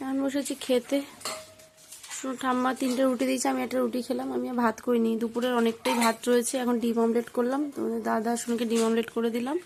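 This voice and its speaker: A young woman vlogs at home while feverish and exhausted, and she sounds tired and subdued. Her voice sits a bit high but stays flat and level. The phone recording is noisy. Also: fairly quick, gravelly. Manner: tired, low-key and subdued. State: feverish and worn out. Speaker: vlogger. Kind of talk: casual vlog narration. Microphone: phone camera.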